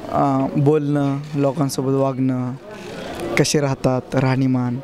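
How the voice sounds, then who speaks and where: A man's voice: medium pitch, completely flat delivery, slow pace, crowd noise. A young man, an actor guest, answering shyly and hesitantly with small laughs. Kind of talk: casual interview.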